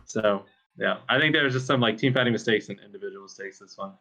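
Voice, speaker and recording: A man who plays esports professionally, talking casually in a post-match interview, full of fillers and quick laughs. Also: lowish voice, vocal fry, sharp tone. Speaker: pro esports player.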